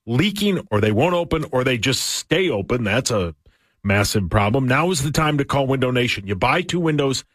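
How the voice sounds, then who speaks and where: A man's voice: mid-range voice, lively intonation, moderate pace, a bit bright, dry recording. A male radio host reading a live ad in a chatty, conversational way. The sound is dry and close. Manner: conversational, salesy. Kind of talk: casual ad read.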